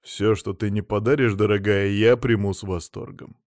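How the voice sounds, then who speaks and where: A man's voice: lowish voice, steady tone, normal speed, no echo, clean studio sound, lightly acted. A man voicing a blunt, hot-tempered middle-aged businessman husband. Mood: gruff. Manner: blunt, gruff, loud.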